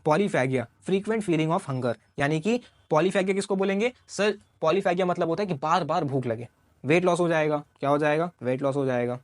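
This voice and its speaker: Guy teaching a science class online, bit high voice, dry sound, keeps repeating stuff w simple examples. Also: fairly quick, no room sound. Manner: explains with everyday examples and repetition; addresses the viewer as "sir" and mixes in English terms.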